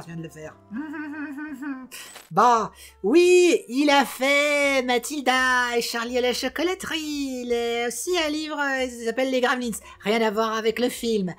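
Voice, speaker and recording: A woman hosting a comic film show, theatrical and playful, joking with the crew. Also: a little high.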